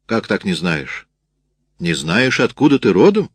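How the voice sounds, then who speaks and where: A man voicing a gruff, loud army sergeant in a storybook reading, barking out demands. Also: fairly low pitch, big pitch swings, measured pace, no room sound, exaggerated voice.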